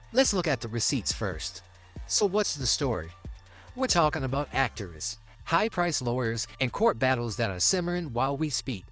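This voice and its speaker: A man's voice: mid-range voice, a bit bright. An American man hosting a dramatic exposé commentary in a folksy, slangy way, teasing out suspense. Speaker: commentary video host.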